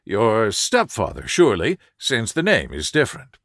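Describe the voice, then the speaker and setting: Sherlock Holmes, measured and animated man narrating. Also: on the low side, dry recording, clean studio sound, exaggerated voice. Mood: inquiring. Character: calm, shrewd male detective, self-assured and analytical.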